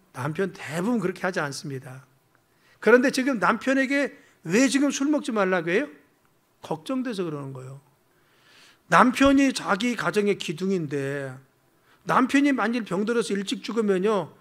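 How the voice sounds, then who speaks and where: High-voiced male pastor preaching. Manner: teaching, has the congregation repeat phrases; acts out family quarrels in quoted lines. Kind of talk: sermon. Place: church sanctuary.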